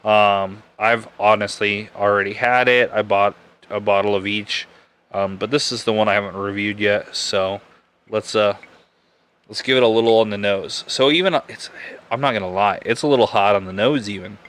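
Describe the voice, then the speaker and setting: A young man hosts a podcast in the style of a casual live-stream chat, reviewing bourbon in a laid-back, slightly rambling way and often correcting himself. His voice is fairly low and a bit bright, with fairly even intonation and a normal speed.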